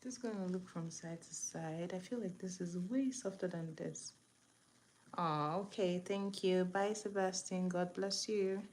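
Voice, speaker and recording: Her pitch fairly low and her tone a little mellow, this eastern Nigerian woman speaks a little slowly as she runs a livestreamed makeup tutorial. She chats casually with viewers and explains each step while she works. The audio is clear, with room ambience behind her.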